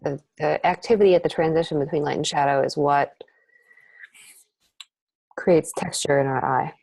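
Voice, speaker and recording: A woman teaching a painting demonstration, thinking aloud in a relaxed, chatty way and breathing heavily as she works. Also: sits low, normal speed, gravelly, dry recording. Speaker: painting instructor. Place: art studio.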